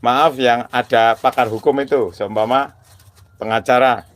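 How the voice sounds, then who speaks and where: A man's voice: mid-range voice, fairly even intonation, a little slow. A man tinged speech talking to his viewers in a casual monologue, preachy and mixing religious phrases slang. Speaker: video maker addressing viewers.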